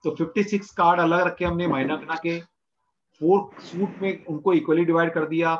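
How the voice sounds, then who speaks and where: A man's voice: on the high side, steady tone, moderate pace, dull audio, slight background noise. A man teaching tarot in an online class, asking his students questions and answering them himself while repeating the terms. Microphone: video call mic.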